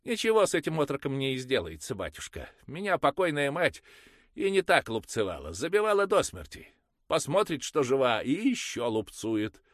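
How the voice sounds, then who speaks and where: A man voicing a harsh, pious peasant mother who rants in a high screeching voice. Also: very animated, unhurried, no echo, clean studio sound. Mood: ranting. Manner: screeching, ranting.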